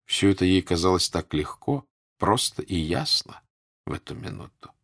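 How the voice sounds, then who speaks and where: A man giving a measured audiobook reading of a classic novel. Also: deep voice, lively intonation, creaky, a bit bright. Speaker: narrator.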